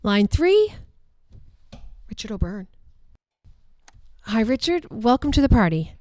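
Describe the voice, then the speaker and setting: An actress playing a radio call-in host, speaking in friendly on-air patter. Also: female voice, a little high, big pitch swings, takes it slowly, a little mellow, a little hiss or hum.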